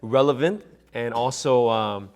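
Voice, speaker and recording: American man from texas, talk show host, playful, jokey, mid-pitched. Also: measured pace, gravelly. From Texas, USA. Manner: playful, jokey, many fillers. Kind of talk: casual talk show chat.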